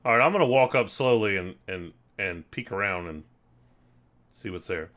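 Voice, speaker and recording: A man's voice: fairly low pitch, animated, moderate pace, a bit bright. A man playing a tabletop game, chatting casually and joking as he declares his actions.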